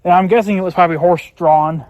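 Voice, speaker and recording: Out in rural woods, an American vlogger wanders through his thoughts aloud in a casual, folksy way, with mild swearing. His high, darkish voice stays steady and moves fast. The highs are cut off, and faint outdoor noise sits in the background.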